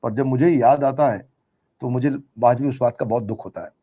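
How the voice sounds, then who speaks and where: A man's voice: medium pitch, moderate pace, mellow, breathy edge. Earnest middle-aged man, emphatic repetition. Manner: earnest, emphatic, repeats phrases for effect. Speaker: business coach being interviewed. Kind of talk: conversational interview answers.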